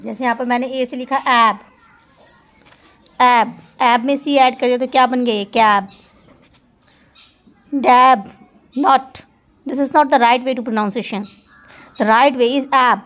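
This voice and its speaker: A woman's voice: a little high, steady tone, takes it slowly, fairly bright tone. A woman teaching a phonics lesson to children, spelling out letters and then sounding out each word.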